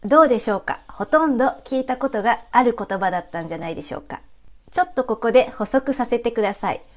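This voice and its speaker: A woman's voice: on the high side, lively intonation, fast. A woman from Japan giving a casual, chatty lesson on travel phrases, explaining with everyday examples. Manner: chatty, many "ano" fillers, explains with examples. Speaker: French language teacher for travelers.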